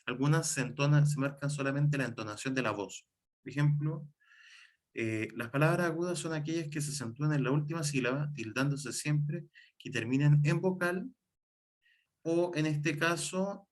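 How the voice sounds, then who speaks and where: A man teaching a class, explaining each rule slowly with example words and frequent fillers. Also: a little high. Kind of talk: classroom lecture on writing and spelling.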